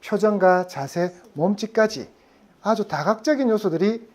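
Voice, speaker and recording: A woman's voice: mid-range voice, normal speed, darkish tone. A woman lecturing on insurance sales, often putting questions to her audience. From Gyeongsang region. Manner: asks the audience frequent questions. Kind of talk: lively classroom lecture.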